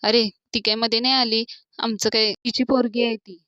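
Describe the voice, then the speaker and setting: An exasperated young man who snaps and defends himself, read out by a woman. The voice sits a little high. The recording is dry and slightly muffled. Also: little pitch movement, moderate pace, bright, forceful tone, dry recording.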